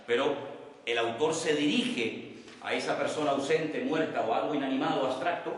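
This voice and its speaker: A man from teaching a Bible study class as pastor, speaking slowly and repeating key terms so his students can note them down. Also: medium pitch. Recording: echoey hall, voice from far off the mic.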